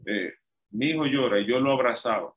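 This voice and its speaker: A man's voice: medium pitch, fairly quick, a bit bright, highs cut off. A man preaching an emphatic, repetitive sermon. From Dominican Republic.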